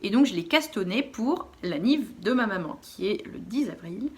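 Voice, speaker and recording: A woman's voice: medium pitch, lively intonation, normal speed, darkish tone. Young woman, chatty podcast host, loose and rambling delivery. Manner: chatty, rambling, with frequent fillers and restarts. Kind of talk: casual chat. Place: dark room at home.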